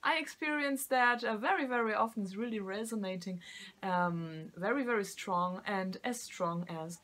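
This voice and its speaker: A middle-aged woman who isn't a native English speaker talks casually to camera as a tarot reader and vocal coach, with many fillers and restarts. Her mid-range voice is fairly bright and moves at a moderate pace.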